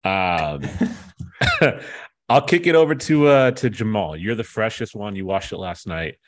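Male podcast host, low voice, laid-back, casual, lots of ums. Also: expressive, unhurried. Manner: laid-back, frequent "um" fillers. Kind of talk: casual chat.

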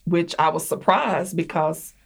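Woman, lowish voice, matter-of-fact, personal account, interview guest. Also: measured pace, gravelly. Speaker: guest sharing her experience.

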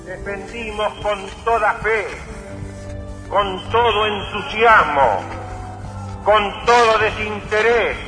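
A high-voiced man delivers a political speech at a very slow, deliberate pace. The sound echoes through a large hall, and clear music plays behind him. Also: bright, forceful tone. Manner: slow, earnest oratory.

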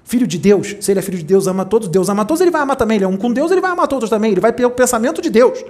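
A spiritual teacher gives a talk to a small group, telling stories animatedly and acting out the voices of the people in them with big jumps in pitch. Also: very fast. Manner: animated storyteller, acts out quoted voices with big pitch leaps.

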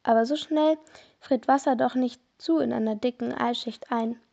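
A woman's voice: fairly high pitch, normal speed, vocal fry, warm tone. A woman voicing an eager teenage girl detective in a read-aloud story, on a dull lo-fi recording.

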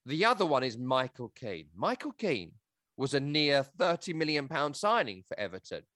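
Lively guy ranting about football, voice jumps all over, dead dry sound. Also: mid-range voice, normal speed, dry recording. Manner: animated, joking, scathing. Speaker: football podcast host. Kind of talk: casual football chat.

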